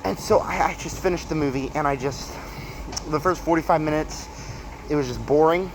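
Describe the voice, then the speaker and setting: A man giving a casual, emphatic movie review as a video host while walking on a treadmill, halting and repeating himself for stress. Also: a little high. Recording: clear treadmill motor and footstep noise. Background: treadmill noise.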